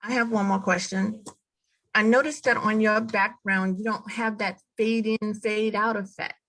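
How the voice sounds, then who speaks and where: A woman's voice: mid-range voice, fairly even intonation, measured pace, fairly bright tone, rough recording. A woman attending an online workshop who asks questions in a polite, tentative way over a video call. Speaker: workshop participant. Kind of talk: asking questions.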